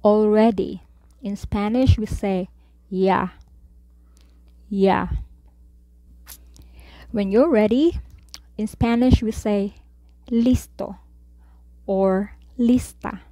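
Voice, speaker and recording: Woman tutor, slow deliberate drills with each word repeated, dark mellow voice. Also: medium pitch, steady tone, no room sound. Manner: says each word, then repeats it slowly. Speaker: Spanish tutor. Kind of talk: slow vocabulary lesson.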